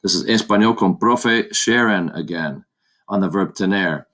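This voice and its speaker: Low-voiced male Spanish teacher. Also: normal speed, fairly bright tone. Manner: patient, explains step by step, with repeats. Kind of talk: screencast lesson walkthrough. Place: at a desk with a laptop. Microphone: computer mic on a laptop.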